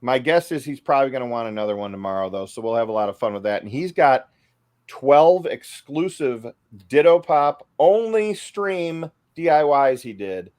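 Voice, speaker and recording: A man hosting a casual group chat, talking with excited emphasis and repeating phrases. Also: medium pitch, normal speed. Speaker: show host.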